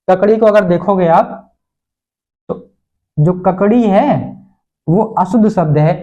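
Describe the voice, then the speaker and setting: A man's voice: high-pitched, highs cut off. A male teacher giving an online lesson in a playful way, repeating each question and answer and laughing often.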